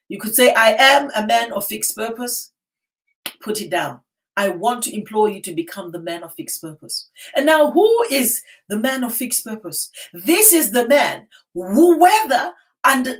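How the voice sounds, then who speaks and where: A woman's voice: on the high side, animated, measured pace, far from the mic. A woman giving a rousing motivational sermon in an emphatic, rallying manner, repeating phrases for effect. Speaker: motivational preacher addressing a live online audience.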